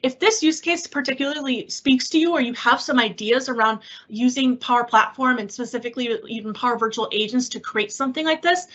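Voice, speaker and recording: Brisk and barely pausing, a woman with a fairly high, fairly bright voice explains a product on an online call. She is a technical presenter keeping the webinar conversational, informal, upbeat and encouraging, over slightly dull meeting audio.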